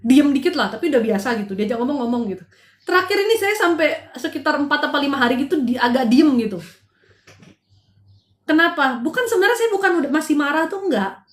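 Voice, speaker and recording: A woman's voice: high-pitched, animated, fast. A middle-aged woman counseling live-stream viewers on their marriages in casual chat, direct and scolding by turns, sometimes dropping in English phrases. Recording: roomy echo.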